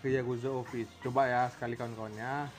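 A man's voice: medium pitch, little pitch movement, fast, noisy background. A man from Indonesia doing playful let's-play game commentary, making engine noises and mixing in English words. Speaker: gamer.

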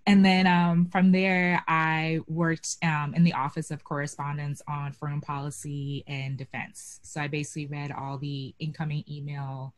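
Her voice is deep and level, at normal speed with few pauses, and the recording is dry. She's a young Bostonian appearing as a guest on a video call interview from a small room at home, talking chattily through her webcam with plenty of "um"s and "like"s.

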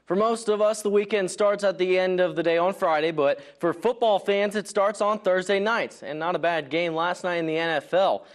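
Higher-pitched male TV sports reporter. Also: normal speed, few pauses. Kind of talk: news field reporter style scripted sports narration, highlight commentary.

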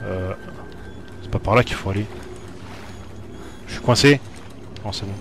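A man's voice: fairly low pitch, a little slow, soft background music. A man playing a horror video game and commenting live for viewers, jumpy and talking to the screen. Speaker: let's play gamer.

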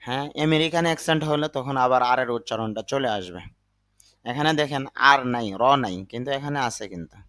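A man teaching English vocabulary, saying each word slowly, sometimes twice, then giving its meaning. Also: mid-range voice, a bit bright. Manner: repeats words slowly, then gives the meaning. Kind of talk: slow vocabulary lesson.

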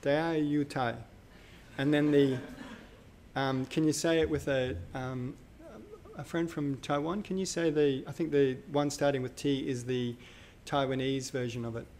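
A man's voice: medium pitch, fairly even intonation, normal speed, a little mellow, slight background noise. A man giving a live university lecture, talking casually with fillers and self-corrections. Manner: conversational, thinks aloud with fillers and self-corrections.

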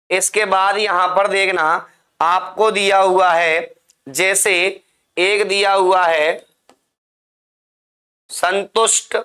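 Guy teaching a class, slow and repetitive, keeps drilling the words, bright tone. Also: high-pitched. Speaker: Hindi teacher. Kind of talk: classroom spelling lesson.

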